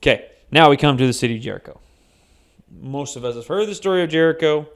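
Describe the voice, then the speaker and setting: A man's voice: fairly high pitch, animated, fast, smooth. A man hosting a casual podcast, talking through a Bible story, often laughing and restarting his sentences. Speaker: podcast host.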